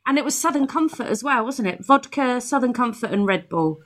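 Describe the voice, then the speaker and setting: A woman trades cheeky, self-deprecating banter in casual conversation. Her voice sits a little higher than most. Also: animated, a little fast, a bit bright. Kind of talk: casual chat.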